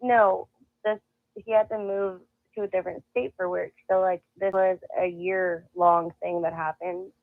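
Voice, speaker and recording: A woman's voice: lowish voice, unhurried, no echo. Woman telling stories over a tinny line. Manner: animated, laughing, acts out quotes. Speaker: guest. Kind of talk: casual storytelling. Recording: tinny phone-like call audio.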